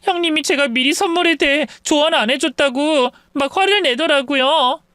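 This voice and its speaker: A man's voice: very high-pitched, animated, normal speed, fairly bright tone, smooth, no echo, studio quality, pitched above the performer's own voice. A man voicing a spiteful, scheming young sister-in-law in a story read-aloud, sneering and mock-sweet. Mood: fake tearful. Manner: sneering, mock-sweet, whiny when feigning tears.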